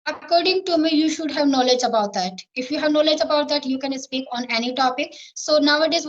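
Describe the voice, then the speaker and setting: An English learner, a woman with an Indian English accent and a high-pitched voice, answers questions earnestly in a spoken English practice interview. Her phrasing is repetitive and full of fillers, and the recording is muffled.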